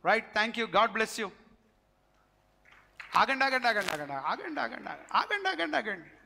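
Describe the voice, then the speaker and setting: A male pastor with a Telangana accent preaching a sermon, animated and calling on the congregation to answer back. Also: very high voice, normal speed, gravelly, big-room sound, a little hiss or hum. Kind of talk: sermon with live demonstration.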